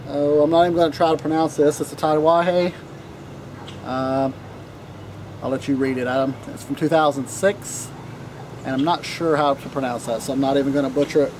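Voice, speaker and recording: Southern male vlogger, slightly high, mellow tone, easygoing ramble, faint outdoor hiss. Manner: relaxed, rambling, frequent fillers. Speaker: cigar vlogger. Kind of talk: casual chat to camera. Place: outdoor deck, breezy.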